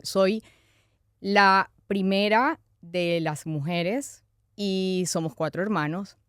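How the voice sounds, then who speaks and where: A woman speaking, telling her life story as a guest in an earnest, animated way. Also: medium pitch, smooth, dry recording, clean studio sound. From Venezuela. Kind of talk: conversational interview.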